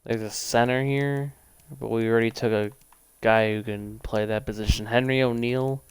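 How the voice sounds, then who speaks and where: Young male livestreamer, offhand thinking-aloud chatter, crisp clean voice in a dead-dry room. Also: mid-range voice, steady tone, no room sound. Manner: rambling, thinks aloud, quick bursts. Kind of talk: casual gaming commentary.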